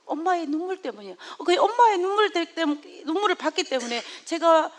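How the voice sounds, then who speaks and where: A woman's voice: extremely high pitch, very animated, quick pace. A woman from South Korea giving a sermon and telling a personal story, often laughing as she goes. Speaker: preacher.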